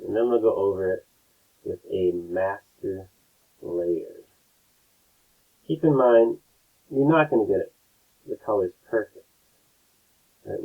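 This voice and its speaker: Gravelly-voiced man teaching over a tinny low-quality stream. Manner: relaxed, explains step by step, keeps checking in with "right?". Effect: low-quality, tinny stream audio. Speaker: art teacher. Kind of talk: painting demonstration lesson. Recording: tinny lo-fi phone-like sound.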